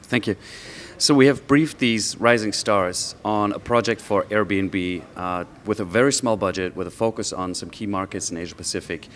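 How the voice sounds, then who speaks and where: A man answering interview questions as a marketing executive on a judging panel, speaking in a measured way with occasional fillers. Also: lowish voice, slight background noise.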